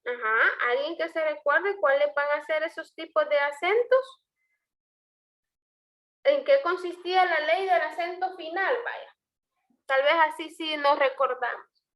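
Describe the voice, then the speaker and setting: A woman's voice: high voice, a little slow. A woman teaching a poetry lesson, explaining step by step and asking her students questions. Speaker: language teacher. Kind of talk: online class lecture.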